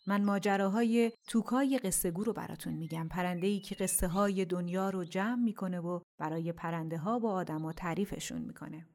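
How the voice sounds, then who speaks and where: A woman hosting a children's audio story series, narrating in a gentle, intimate, softly spoken way. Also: fairly low pitch, hardly any pauses. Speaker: storyteller host.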